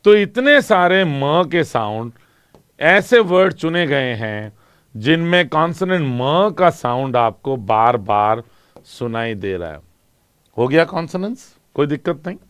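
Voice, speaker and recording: A man teaching an English exam class, asking questions and answering them himself and reading example lines slowly. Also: on the high side, very animated, fairly bright tone, clear, resonant tone, no echo, studio quality. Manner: explains in Hindi with English terms, asks and answers own questions. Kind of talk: classroom lecture.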